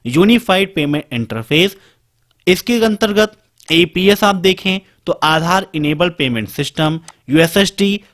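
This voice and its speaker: Male computer tutor, high bright pitch, animated delivery, rattles off topics. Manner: brisk listing teacher addressing students directly. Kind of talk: screen-share exam prep lesson.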